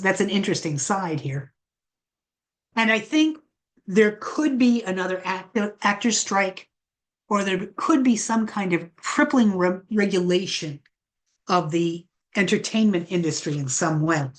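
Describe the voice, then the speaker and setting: A woman with a lowish voice gives her astrology forecast on an online forum. She talks haltingly, with plenty of "um" and restarts. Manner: halting, with many fillers and restarts.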